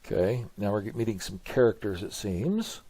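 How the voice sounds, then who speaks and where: A man's voice: on the low side, sing-song, normal speed. An older man with a grandfatherly, hesitant manner, musing aloud in casual reaction commentary. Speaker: video host reacting to a game trailer. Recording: music behind the voice. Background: music from a game trailer.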